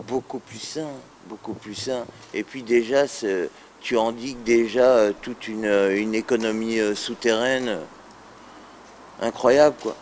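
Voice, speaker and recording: Casting: middle-aged man, relaxed frank talk, hesitant fillers, light background hiss. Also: fairly low pitch, unhurried. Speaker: interviewee. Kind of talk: casual interview talk.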